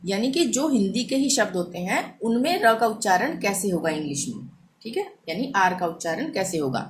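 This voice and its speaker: A woman teaching a language lesson, explaining pronunciation rules patiently and repeating each example slowly. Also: a little high, a little hiss or hum.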